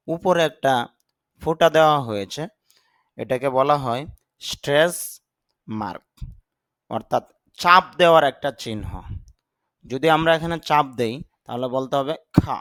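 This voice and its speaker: A man's voice: mid-range voice, lively intonation, moderate pace, long pauses, a bit bright, no room sound. A man, a Bengali speaker, teaching English vocabulary in a patient step-by-step lesson and spelling words out sound by sound.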